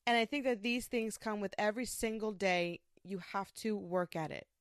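A woman's voice: mid-range voice, normal speed, no echo, studio quality. A young adult woman hosting a podcast, talking solo in a candid, rambling way, swearing freely and poking fun at herself. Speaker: podcast host. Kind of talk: casual solo monologue.

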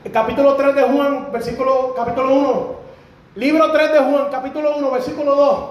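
A man preaches with fervor in a very high voice, pushing up into shouts on his key lines. The sound rings through a very echoey church hall. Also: level tone, brisk, muffled recording. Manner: fervent, rising to shouts on key phrases. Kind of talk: sermon. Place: church sanctuary.

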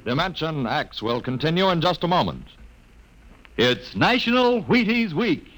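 A man's voice: on the high side, big pitch swings, measured pace, a bit bright, faint music behind. A man announcing in the style of a 1950s radio commercial. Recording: vintage radio broadcast.

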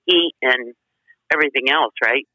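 A woman calling in over a speakerphone line as a race track promoter, chatty and quick to laugh. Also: very deep voice, pushed and bright, dry recording, rough recording. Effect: heard over a speakerphone call. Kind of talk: phone-in interview.

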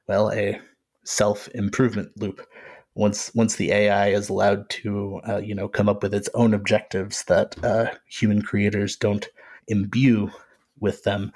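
A man's voice: fairly low pitch, a little mellow. A man as an interview guest, speaking thoughtfully and restarting phrases as he works out his ideas. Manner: thoughtful, restarts while thinking aloud. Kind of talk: casual interview talk.

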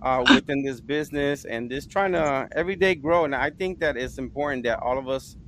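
A man's voice: medium pitch, brisk, very noisy. A middle-aged man hosting a podcast, introducing his guest in a loose, repetitive way. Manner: rambling, repeats himself. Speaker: podcast host. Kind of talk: casual interview.

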